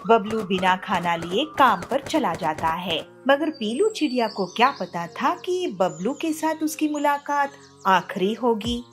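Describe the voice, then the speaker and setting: A woman narrating a children's cartoon story in a lively, sing-song manner. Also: fairly high pitch, a little slow, faint music behind.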